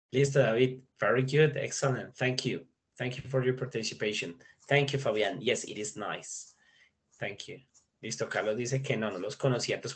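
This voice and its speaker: A man teaching an online English class, chatty and mixing English phrases into his explanations. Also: medium pitch. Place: video call.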